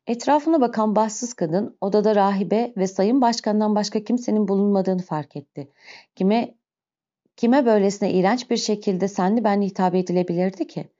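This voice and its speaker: Mellow-voiced woman narrating a novel. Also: mid-range voice. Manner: steady, expressive storytelling. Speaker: audiobook narrator. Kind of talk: dramatic literary narration. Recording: slightly muffled recording.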